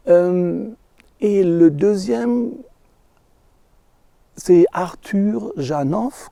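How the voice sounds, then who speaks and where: A middle-aged man with a foreign, German accent talks in a rambling monologue. His voice sits a little high for a man, yet is gravelly with fry, and the sound is close and dry. He pauses often to search for the right word. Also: warm tone, no echo. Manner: halting, searching for words, with tag questions.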